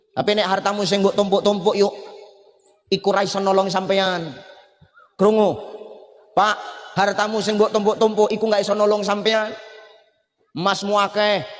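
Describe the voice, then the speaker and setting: A man giving a comic sermon, joking and shouting punchlines. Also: high-pitched. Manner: jokey, shouting punchlines, mixing in Javanese phrases. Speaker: preacher. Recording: hall reverb.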